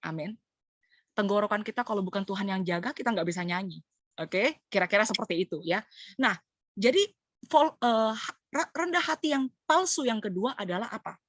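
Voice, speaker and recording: A middle-aged woman leading a church cell group, preaching in a lively way, acting out quoted voices and mixing slang with English. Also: medium pitch, normal speed, dry recording. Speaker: cell group leader sharing a sermon.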